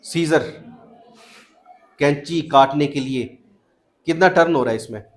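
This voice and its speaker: High-voiced man teaching a classroom. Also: measured pace. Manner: questioning, coaxing students to answer. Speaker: school math teacher. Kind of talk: classroom teaching, mixing Hindi and English.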